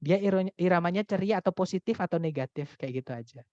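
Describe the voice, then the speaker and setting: Relaxed male English teacher, online class. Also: high-pitched, fast talker, dry recording. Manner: explains casually, answers students' chat questions read aloud. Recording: dull dry recording.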